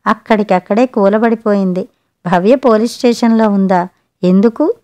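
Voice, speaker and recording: A woman narrating a short story for an audiobook with a steady, expressive reading. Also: medium pitch, clean tone.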